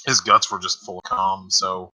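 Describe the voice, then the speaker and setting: A man with a very bright, sharp-toned voice, rambling and cracking jokes while playing a tabletop game over voice chat. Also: low-pitched, flat delivery, moderate pace, rough recording. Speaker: player.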